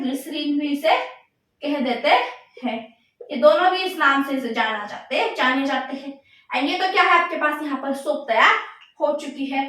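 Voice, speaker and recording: Woman teacher, high voice, booming echoey room, quizzes the class and repeats answers slowly. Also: a bit bright, recorded from a distance. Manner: asks students questions and repeats answers slowly; mixes Hindi with English terms. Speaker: chemistry teacher. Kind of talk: classroom lecture.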